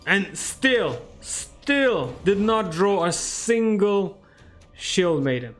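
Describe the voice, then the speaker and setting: A man streams his card game and chats his way through each move. His voice sits a little high for a man, and he reasons aloud in a loose, excitable way. Soft game music runs quietly behind him. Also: extremely slow. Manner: chatty, thinks aloud, excitable. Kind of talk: casual gameplay commentary.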